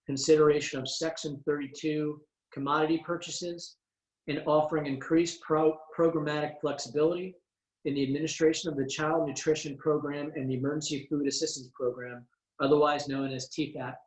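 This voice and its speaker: A man, a congressman, briefing constituents over a conference call in a measured way, pausing often on "uh" and going through items one by one. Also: on the high side, flat delivery, darkish tone. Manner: measured, frequent "uh" fillers, lists items one by one. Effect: heard over a conference call line. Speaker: congressman hosting a teleconference. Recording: roomy echo on a conference call.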